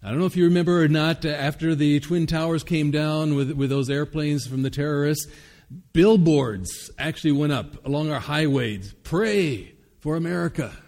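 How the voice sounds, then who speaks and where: A man's voice: on the high side, steady tone, moderate pace, a little mellow. Earnest male pastor in a reverberant hall. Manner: earnest, conversational, with occasional fillers. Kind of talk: sermon.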